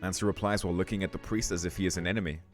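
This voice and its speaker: Reading visual novel narration at a very fast clip, a male let's-play host keeps a steady tone. His voice sits quite low, with soft music underneath.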